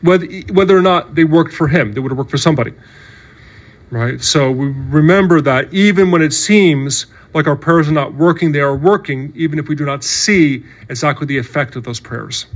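A man's voice: a little high, normal speed. A male priest giving a sermon in an earnest, conversational way, often checking in with "right?" and "okay". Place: church.

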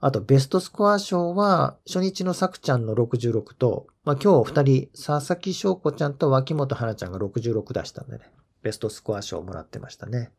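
A man hosting his own golf commentary channel, chatting casually, laughing often and trailing off into low murmured asides. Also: big pitch swings, a little fast, creaky, husky.

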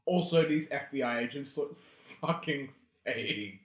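A man's voice: medium pitch, measured pace, roomy sound, rough recording. A young man casually riffing on a bad movie, swearing freely and talking while snacking, with lots of "like" and "um".

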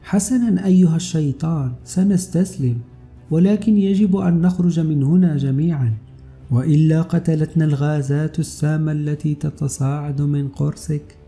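A man's voice: a little high, fairly even intonation, moderate pace, mellow, faint music behind, close to an everyday voice. A man voicing a frightened, heavyset male enemy agent in an audiobook story, with panicked, pleading speech.

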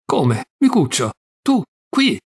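A man voicing a flustered, kindly old aunt with a gravelly, husky voice who frets and fusses tenderly. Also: fairly high pitch, huge pitch swings, slow pace, pitched above the performer's own voice, full character voice. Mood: startled. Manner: fretful, fussing, tender.

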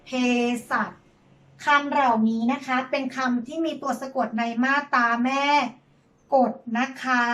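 A woman teacher leading a reading lesson for young children, spelling words out and praising her pupils gently. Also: high-pitched, rough recording.

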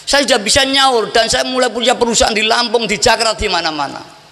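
Older preacher with a gravelly, bright voice. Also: male voice, very high-pitched, quick pace, a little hiss or hum. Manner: animated storytelling, acting out dialogue, sudden loud exclamations. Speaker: Islamic preacher. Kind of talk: sermon with story telling. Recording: reverberant hall.

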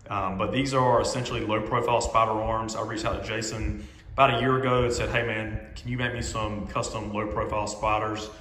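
A man in his forties walks through his home gym with a phone camera, chatting casually and filling pauses with "um". His voice sits a little low but sounds bright and forceful. A long reverberant ring from the bare room hangs behind every word. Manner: relaxed, filler-heavy, chatty. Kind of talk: casual equipment walkthrough. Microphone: phone camera held while walking.

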